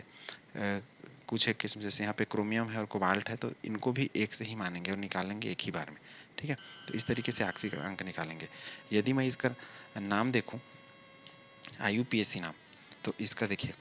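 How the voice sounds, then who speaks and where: Slight background noise sits behind a man teaching chemistry on the blackboard one step at a time. His voice is on the low side and a bit bright, and he slowly drawls words as he writes, raising questions only to answer them himself.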